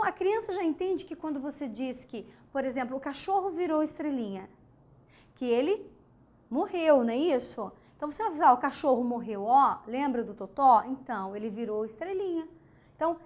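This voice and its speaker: High-voiced Brazilian woman teaching a lively lesson. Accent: Brazilian Portuguese. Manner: lively, chatty, acts out quoted examples in changing voices. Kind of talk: recorded online grammar lesson.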